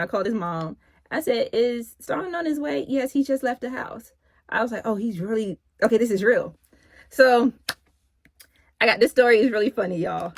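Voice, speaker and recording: A middle-aged woman casually telling a personal story in an animated, chatty way. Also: fairly high pitch, no echo. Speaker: vlogger.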